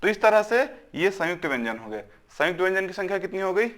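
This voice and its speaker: A man's voice: high-pitched, big pitch swings, fast talker, fairly bright tone. A man teaching a grammar lesson. He asks questions, answers them himself and drills syllables aloud, often checking in with "is it not?".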